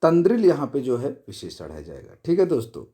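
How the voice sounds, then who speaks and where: A man with a very dark, mellow voice works through exam questions as a tutor. He explains each answer and then repeats the correct word, checking in often with short "okay"s. His pitch sits in an ordinary middle range. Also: wildly swooping pitch, brisk. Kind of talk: exam prep lesson.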